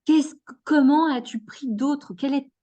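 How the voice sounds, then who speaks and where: A woman's voice: high voice, a little slow, dark tone, lo-fi sound. A woman hosting a casual interview, asking hesitant questions and reacting with enthusiasm. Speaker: interviewer, host.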